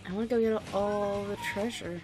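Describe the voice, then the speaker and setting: A woman co-hosting a let's-play, yelping and swearing excitedly as she plays. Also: mid-range voice, normal speed, over music. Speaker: co-host of a let's-play show. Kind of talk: casual game commentary.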